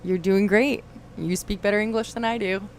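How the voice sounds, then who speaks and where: A woman's voice: mid-range voice, steady tone, moderate pace, slight background noise. A woman hosting a casual livestream, chatting and reading viewer comments aloud. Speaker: livestream host.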